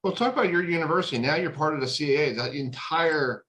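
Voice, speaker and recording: Male sports radio host, Long Island accent, quick pace, rambling strings of questions. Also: fairly high pitch, a bit bright, low-quality recording. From Long Island, New York. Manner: rambling, rapid-fire questions. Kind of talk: radio interview.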